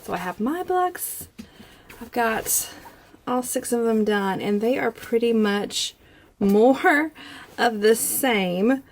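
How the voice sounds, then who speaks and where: A middle-aged woman hosting a quilt-along in a casual, conversational way, talking to camera in a room at home with a creaky voice. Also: a little high, animated, takes it slowly. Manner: conversational, informal. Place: small home sewing room, indoors.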